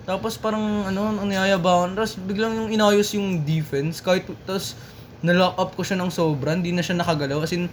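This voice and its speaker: A man's voice: high voice, fairly even intonation, a little fast, slight background noise. A young man telling a rambling story in a casual chat among friends, full of false starts. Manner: rambling storyteller with many restarts. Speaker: podcast co-host.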